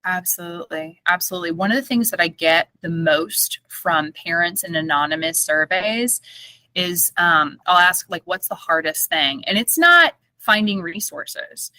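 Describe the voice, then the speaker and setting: A woman speech therapist chats on a podcast with a bright, forceful voice, animated and playful as she acts out small scenes with quick laughs. The sound is dry and close, with no room echo. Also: fairly low pitch. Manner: animated storytelling with playful acted-out quotes and laughter. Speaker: guest speech-language pathologist. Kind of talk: casual podcast interview.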